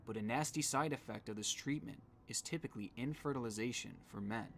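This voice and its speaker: A man's voice: mid-range voice, a little fast, fairly bright tone, slight background noise. A man giving scripted narration in the style of a true-crime video.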